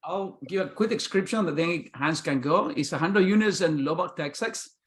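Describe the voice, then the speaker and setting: A middle-aged man from Nicaragua, a podcast guest who talks haltingly with pauses and fillers. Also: on the high side, a bit bright. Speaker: guest investor.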